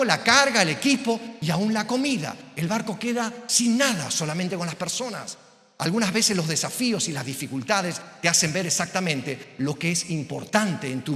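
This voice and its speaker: A man preaches, his high voice leaping all over the place. His tone is bright and ringing. The sound rolls around a big, echoey church hall. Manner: animated preaching, acting out quoted voices. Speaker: pastor. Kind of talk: sermon.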